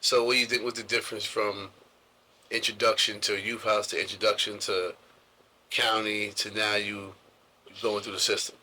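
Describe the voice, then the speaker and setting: A man's voice: lowish voice, level tone, moderate pace, bright, forceful tone, slight background noise, rough recording. A man hosting a casual interview, asking long, rambling questions in street slang. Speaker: podcast host.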